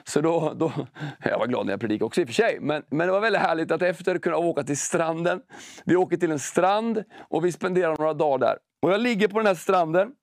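A man preaching a sermon, praying and telling a personal story in a relaxed, conversational way, slowing down to read scripture. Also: a little high, creaky, dry recording, studio quality. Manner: conversational, storytelling, slow and emphatic when reading scripture.

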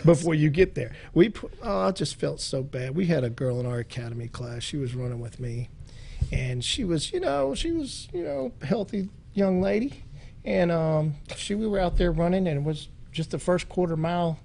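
A middle-aged man with a voice pitched a touch above most men's, talking loosely in a casual chat. He rambles, jokes and laughs often, and sounds like a veteran police training officer. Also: normal speed, vocal fry, darkish tone.

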